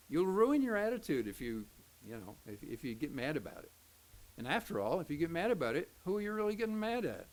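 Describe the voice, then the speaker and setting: An older pastor with an Oklahoma Southern accent gives a folksy Sunday school lesson. His voice sits high and swings widely in pitch as he jokes and slips into the voices of the people in his stories. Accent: Oklahoma Southern American. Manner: joking, animated, acts out quoted voices.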